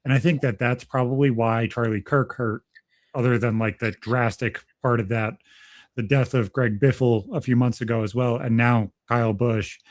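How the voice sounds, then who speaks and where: A man's voice: medium pitch, fairly even intonation, normal speed. A man in his thirties co-hosting a casual podcast, talking bluntly and swearing freely as he rambles through his thoughts. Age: 30s. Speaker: podcast co-host.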